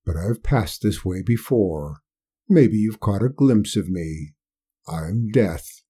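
A man voicing Death as a burly, weary, fussy bureaucrat with a low, measured, officious manner. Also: animated, warm tone, slightly rough, full character voice. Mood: formal.

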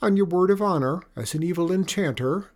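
List: bossy young princess, voiced by a man, high and bright, brisk, commanding, storybook.

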